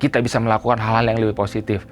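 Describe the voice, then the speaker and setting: A man preaching a sermon to a church congregation. He speaks emphatically, addresses them directly, and builds to loud, repeated cries. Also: fairly low pitch, level tone, very fast, soft background music. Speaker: pastor. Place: church service.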